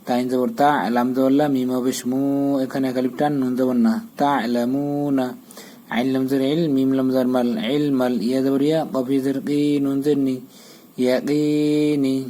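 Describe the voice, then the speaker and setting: A man teaching how to read a Quran chapter, spelling out the Arabic letter by letter and then intoning each verse slowly. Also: medium pitch, level tone, warm tone, low-quality recording.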